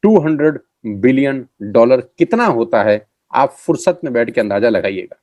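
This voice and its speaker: A middle-aged man gives a motivational pitch for network marketing and leans hard on his key phrases, repeating them for effect. His voice sits at an ordinary male pitch. The sound is dry and close, with no room echo. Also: big pitch swings, normal speed, darkish tone.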